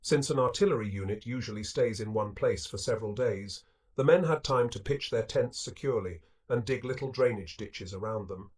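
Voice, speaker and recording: A man reading a wartime memoir aloud as an audiobook narrator, in a steady, measured way. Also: fairly low pitch, husky. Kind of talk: scripted narration.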